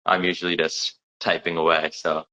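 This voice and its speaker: A man's voice: low voice, monotone, moderate pace, pushed and bright, poor audio. A young man hosting a casual livestream, talking with lots of restarts and repeated words. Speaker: singer-songwriter hosting a livestream.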